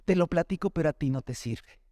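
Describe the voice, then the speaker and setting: This pastor, Mexican in accent, has a slightly high, mellow voice and talks a little fast. Through his personal testimony he preaches in a relaxed storytelling manner, often saying "brother," on a studio-quality recording with no room sound.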